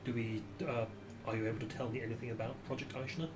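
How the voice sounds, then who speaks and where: Guy player thinking out loud at a tabletop rpg, medium pitch, background noise. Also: flat delivery. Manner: halting, questioning, thinking aloud. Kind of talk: casual in-game chat.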